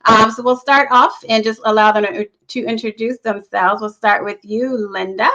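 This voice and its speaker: A woman's voice: on the high side, fairly even intonation, moderate pace, bright, forceful tone, highs cut off. A woman hosting the closing session of an online conference, upbeat and chatty, with many casual fillers. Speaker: conference host.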